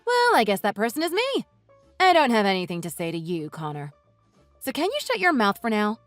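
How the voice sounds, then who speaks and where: A woman voicing a furious wife who mocks and cuts into her in-laws with sarcasm, over soft music. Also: on the high side, huge pitch swings, brisk. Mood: sweet. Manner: sarcastic, cutting, mocking. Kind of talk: read-aloud text-message story. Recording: dry voice with soft music underneath.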